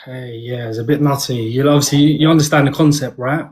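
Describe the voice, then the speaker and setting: A man's voice: mid-range voice, fairly even intonation, fairly quick, a little mellow. A man with a thick Essex accent, chatting casually and flirtatiously in a breezy, slangy way on a video call.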